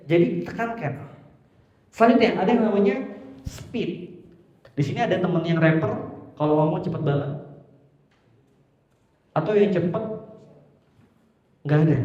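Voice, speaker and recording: A man's voice: a little high, warm tone. A young man teaching public speaking to a class, playful and teasing as he quizzes his students. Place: large echoey room with an audience. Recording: echoey hall, muffled sound.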